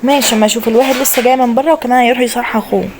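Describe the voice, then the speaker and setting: A woman's voice: on the high side, fairly even intonation, racing, noisy background, natural voice. A woman playing a snappy Egyptian teen girl. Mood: annoyed. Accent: Egyptian Arabic. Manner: snappy, impatient. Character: irritated teenage daughter nagging her lazy brother. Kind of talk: home-made animated story.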